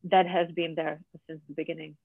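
A guest from Czechia with a Czech accent and Czech as a first language, speaking in a halting way with many fillers and restarts in a conversational interview. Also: medium pitch, little pitch movement, creaky, no echo. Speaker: podcast guest, business founder. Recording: dry, tinny phone line.

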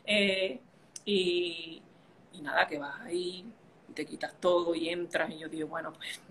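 A woman's voice: on the low side, steady tone, a little slow, a bit bright, a little hiss or hum. A woman telling a personal story in casual conversation, emotional and vivid, filling gaps with playful sounds. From a Caribbean island. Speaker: podcast conversation partner. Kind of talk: casual chat.

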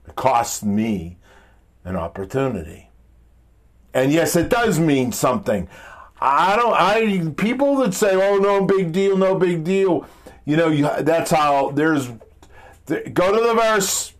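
Speaking as a motivational speaker, a man with a powerful, deep voice gives an informal talk. He poses rhetorical questions, repeats himself often, and delivers it all in a blunt, emphatic, halting manner.

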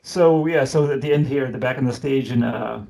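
A man's voice: medium pitch, normal speed, vocal fry, darkish tone. A man hosting a podcast in casual chat, joking and rambling with side notes. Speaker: podcast host.

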